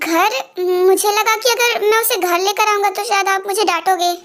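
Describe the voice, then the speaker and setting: A woman's voice: extremely high pitch, fairly even intonation, normal speed, a bit bright. A woman dubbing a caring, protective young man who soothes and pleads. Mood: pleading. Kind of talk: amateur fan dub.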